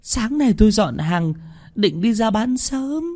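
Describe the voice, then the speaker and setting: A man's voice: high-pitched, animated, warm tone, pitched above the performer's own voice, heavily acted. A man voicing a grief-stricken village woman who whimpers as she pleads for help. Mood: pleading. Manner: whining, drawn-out pleading.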